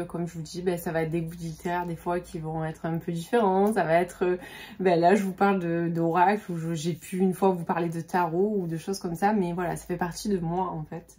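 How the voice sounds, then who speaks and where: In her casual book vlog, a woman in her 40s talks about books with many fillers, restarts and hesitations. Her voice is low and dark in tone.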